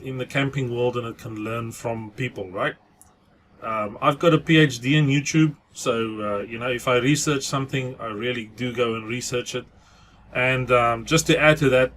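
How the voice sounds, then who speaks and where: A South African vlogger with a mid-range, fairly bright voice talks casually to camera for his own channel, chatty and sprinkling in Afrikaans phrases. There is slight background noise.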